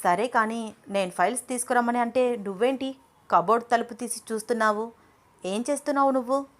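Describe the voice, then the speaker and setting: A woman narrator plays a calm young boss in an audio story, speaking in a measured, gently firm way. His voice stays close to the reader's own, with no strong put-on sound. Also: on the high side, lightly acted. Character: young man Abhiram, calm boss, anxious inside.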